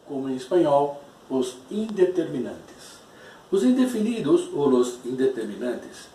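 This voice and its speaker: A man gives a language lesson at an unhurried pace, repeating each key term so it sticks. His voice sits a bit high for a man. He sounds set back from the mic in an echoey room. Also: mellow, distant mic. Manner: slow, explanatory, repeats key terms. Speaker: Spanish teacher. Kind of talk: recorded classroom lesson.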